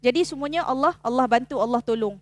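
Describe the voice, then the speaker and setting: Lively Malaysian woman teacher telling stories. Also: on the high side, quick pace, no echo. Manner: animated storytelling, acts out the voices of the people in her story. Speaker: religious teacher leading a funeral-rites course. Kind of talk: storytelling lecture to a class. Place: mosque.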